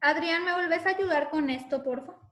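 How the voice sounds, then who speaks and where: A woman's voice: extremely high pitch, normal speed, a bit bright, echoey room. A woman teacher patiently explaining a grammar rule step by step to her class.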